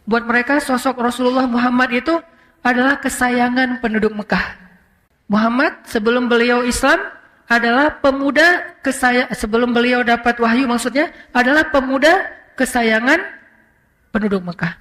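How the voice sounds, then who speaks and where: High-voiced preacher in an echoing hall. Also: male voice, normal speed. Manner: conversational, mixing in English words, animated retelling. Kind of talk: casual sermon storytelling. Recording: long hall reverb.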